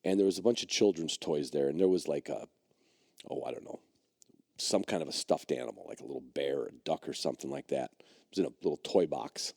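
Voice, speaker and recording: A middle-aged man with a low, mellow voice tells a long personal story on his podcast. He rambles, circling back with plenty of fillers and restarts. The sound is dry and close. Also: brisk, creaky, no room sound. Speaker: podcast host and dog trainer.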